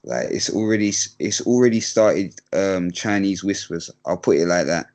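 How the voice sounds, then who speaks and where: Low-voiced man, interview guest, hesitant delivery full of fillers and restarts. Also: darkish tone. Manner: hesitant, halting, many fillers. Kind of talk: candid interview talk.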